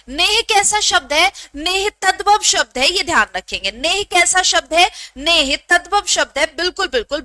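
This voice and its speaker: A woman with a very high, bright voice runs a live online exam-prep class, brisk and teasingly scolding as she repeats every question. The sound is close and dry, with no room around it. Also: no room sound. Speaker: Hindi teacher.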